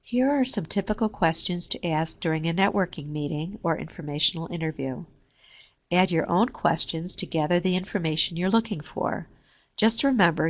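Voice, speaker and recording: Woman narrating a careers lesson, low-pitched. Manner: steady, measured reading. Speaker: career services presenter. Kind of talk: scripted instructional narration.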